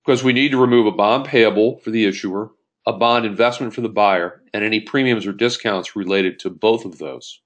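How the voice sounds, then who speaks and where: Speaking briskly in a fairly low voice, a man lectures as an accounting instructor. He walks through an example one step at a time, restating the main points and asking himself questions along the way.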